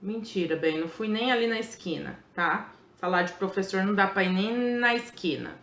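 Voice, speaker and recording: A woman's voice: medium pitch, lively intonation, a little fast, a bit bright, roomy sound. A middle-aged woman teaching a chatty grammar lesson, playful and joking, checking in with her students all the time. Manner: playful, asks the class constantly and jokes aside.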